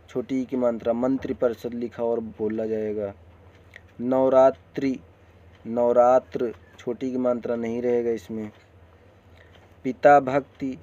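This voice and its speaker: A man teaching Hindi spelling, who says each word slowly and corrects the wrong form against the right one. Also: mid-range voice, mellow, muffled recording. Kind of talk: spelling lesson.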